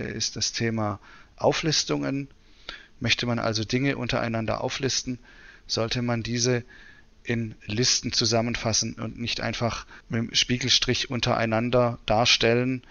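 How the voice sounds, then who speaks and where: A man presenting a software demonstration in tutorial narration. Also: medium pitch, fairly even intonation, normal speed, creaky, dull audio. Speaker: presenter demonstrating screen reader.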